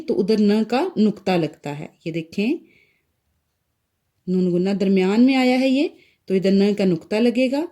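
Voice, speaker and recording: A woman's voice: medium pitch, dark tone. A woman from Pakistan with a Pakistani Urdu accent teaching young children to write, spelling out letters one by one. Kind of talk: recorded Urdu writing lesson for young children.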